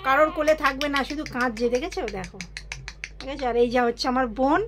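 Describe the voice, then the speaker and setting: A woman's voice: sits high, quick pace, fairly bright tone, slight background noise. A woman, vlogging casually on a phone as she walks through neighborhood lanes into a home, chatty and always urging viewers to look. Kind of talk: casual walk-and-talk vlog. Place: residential lanes, then a home.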